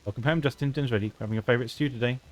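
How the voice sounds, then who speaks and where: A man voicing a kind middle-aged mother who gently scolds, while reading game dialogue aloud. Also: mid-range voice, racing, soft background music, lightly acted. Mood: motherly.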